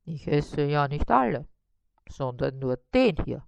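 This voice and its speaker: A woman reading a storybook aloud and voicing a large, hungry male spider in a low, grumbling voice. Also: big pitch swings, a little slow, creaky, no room sound, heavily acted. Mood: matter-of-fact.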